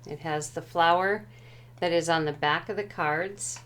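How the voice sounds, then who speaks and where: At home, a woman walks through a tarot deck and its book in an unhurried show-and-tell. She speaks carefully and tentatively at a measured pace, often unsure how a word translates, in a voice on the low side that is a bit bright.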